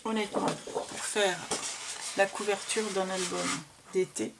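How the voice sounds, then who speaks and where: A woman walks through her scrapbooking papers at an unhurried pace, enthusiastic and full of fillers. The recording is noisy, with clicks in the background. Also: medium pitch, steady tone, creaky. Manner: slow, chatty, enthusiastic with many fillers. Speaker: crafting vlogger. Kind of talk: casual show-and-tell of scrapbooking papers.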